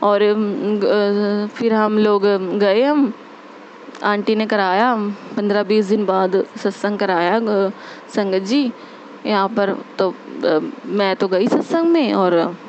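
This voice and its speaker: A woman's voice: medium pitch, darkish tone, slight background noise. Earnest young woman, dull lo-fi sound. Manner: earnest, repetitive, halting with many fillers. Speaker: devotee sharing a testimony. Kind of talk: personal spiritual testimony. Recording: dull lo-fi recording.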